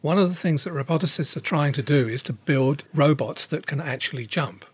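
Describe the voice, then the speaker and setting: A man giving measured expert explanations as an interviewed scientist. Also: fairly high pitch, husky, no room sound.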